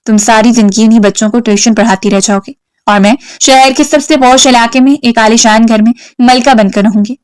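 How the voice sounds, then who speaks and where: A woman voicing a proud, stubborn young woman who answers with sharp, defiant retorts. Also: a little high, steady tone, clean tone, dry recording, lightly acted. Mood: scornful.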